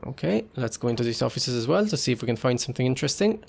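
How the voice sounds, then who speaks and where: A man's voice: medium pitch, very animated, rapid-fire, creaky, a little mellow. A man giving casual gameplay commentary as a let's player, talking himself through the game and reading in-game text aloud.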